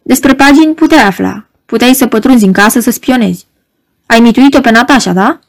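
A proud, troubled married woman , read by a woman narrator, urgent and pleading in a raised, fairly high voice. Her lines come across agitated and insistent in an audiobook scene. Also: natural voice. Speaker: audiobook reader.

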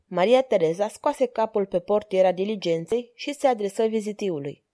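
A woman reading an audiobook as narrator, calm and measured. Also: mid-range voice. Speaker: volunteer audiobook reader.

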